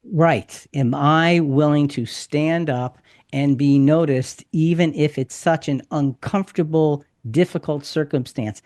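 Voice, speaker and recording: A man's voice: a little high, measured pace, darkish tone, dry recording. Man hosting a bible study podcast, stresses words hard, dead dry mic. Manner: emphatic, explanatory, repeats key points. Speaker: podcast host.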